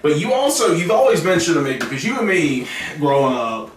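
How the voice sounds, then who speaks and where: A man's voice: on the high side, big pitch swings, a little fast, slight background noise. Rambling young man hosting, roomy echo. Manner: rambling, stumbles over words. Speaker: podcast host. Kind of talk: casual chat. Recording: roomy echo, mic at a distance.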